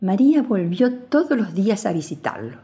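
A woman reading a children's story aloud in an expressive, sing-song way. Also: medium pitch, normal speed.

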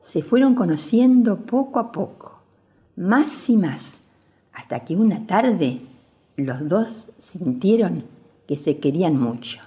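A woman reads a children's story aloud, expressive and sing-song. Her voice sits low with a lively, animated pitch. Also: slow pace.

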